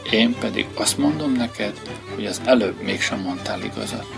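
A man voicing a boastful, cocky little male hare who shouts his claims, over violin music. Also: fairly low pitch, creaky. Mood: insistent.

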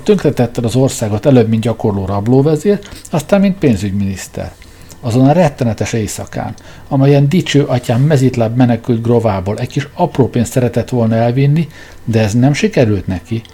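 Scornful storybook king, declamatory and loud, read by a man; warm, husky tone. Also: mid-range voice. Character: scolding, proud exiled male king.

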